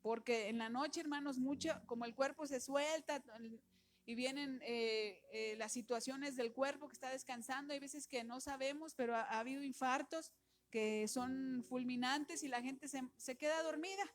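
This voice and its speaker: A woman's voice: high-pitched, moderate pace. A woman preaching a sermon, earnest and exhorting, rising in volume when she quotes scripture.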